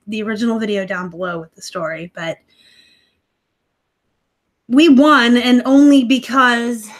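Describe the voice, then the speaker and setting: Her voice is a little high and a bit bright as she runs a casual laptop live stream from home. She's an online reseller and livestream host who reads comments and chats with viewers, often laughing and a little snarky.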